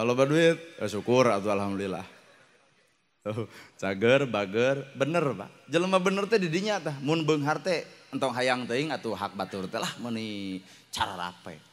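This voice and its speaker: A middle-aged man from West Java delivers a sermon with a Sundanese accent, and his voice sits at an ordinary middle pitch. He talks in a lively, joking way, and when he acts out other people in his stories his voice jumps up high. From West Java, Indonesia. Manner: lively, jokey, acts out quoted wives and angels in high voices. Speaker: preacher.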